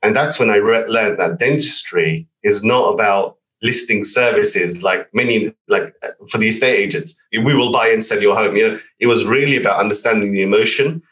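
A man with a fairly low voice tells a personal story as a guest. He is animated and puts on the voices of the people he quotes. He sits a little back from the microphone. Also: moderate pace, hardly any pauses, distant mic, poor audio. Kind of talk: casual storytelling.

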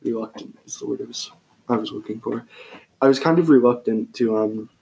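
A teenage boy co-hosting a podcast in casual chat, relaxed and rambling, sometimes searching for words. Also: medium pitch, a little fast, gravelly, rough recording. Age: teens. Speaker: podcast co-host.

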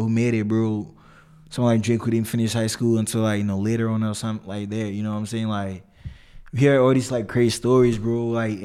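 A young man with a lowish voice and very little melody in it. He talks in a slangy frat-bro manner, casual and rambling, circling back over his phrases as he chats. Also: warm tone. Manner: frat-bro slangy talk, constantly saying "bro"; rambling, repetitive, loose phrasing. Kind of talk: casual conversation.

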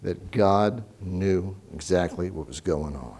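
A man preaching a sermon, telling Bible stories with animated voices and reading scripture slowly. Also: low-pitched. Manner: animated storytelling, acts out Bible characters; slows down to read scripture.

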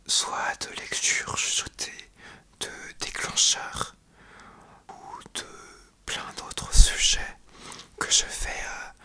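A young man hosting an ASMR podcast in a breathy, hesitant whisper, speaking right into the listener's ear. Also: pushed and bright. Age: young adult. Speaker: podcast host.

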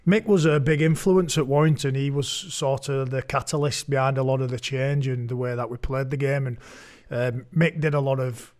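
A man's voice: mid-range voice, steady tone, normal speed, few pauses, darkish tone. A man, a former rugby league prop chatting as a podcast guest in a jokey, self-mocking way. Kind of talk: casual chat.

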